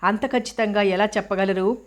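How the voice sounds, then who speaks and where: A sharp, probing male prosecutor, read out by a woman narrator in a storybook reading. He presses his questions in an even, flat tone with a sarcastic edge. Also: mid-range voice, normal speed, natural voice.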